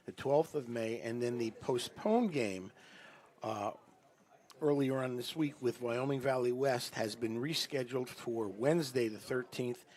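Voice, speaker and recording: Man, color commentator, softball game, chatty, mid-pitched voice. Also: measured pace. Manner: chatty, explains and adds stats.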